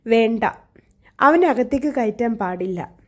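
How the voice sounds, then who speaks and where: A woman's voice: a little high, animated, a little slow. A woman putting on a harsh, furious young master. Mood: curt refusal. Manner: harsh, commanding, barking orders. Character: angry hot-tempered young man, master of the house.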